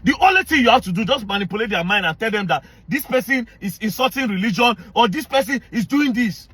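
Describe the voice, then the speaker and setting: A Nigerian man with a high, husky voice rants straight into the camera. He is angry and confrontational, circling back on the same lines and slipping into Pidgin. His delivery is hard, direct and relentless. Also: lively intonation, quick pace, a bit bright, no room sound. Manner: angry, confrontational, repetitive, mixing Pidgin into English. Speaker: online commentator. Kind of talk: heated rant to camera.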